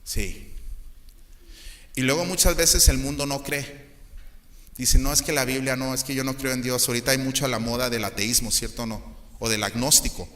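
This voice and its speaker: Mexican male pastor, lively, humorous sermon delivery, bright forceful tone. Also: mid-range voice, moderate pace, long pauses. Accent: Mexican Spanish. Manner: joking, lively, acts out quoted voices.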